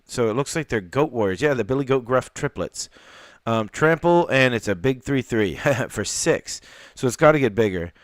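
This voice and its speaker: A man hosting a live card unboxing, chatting casually in a rambling way with fillers and excited exclamations. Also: mid-range voice, normal speed, no echo.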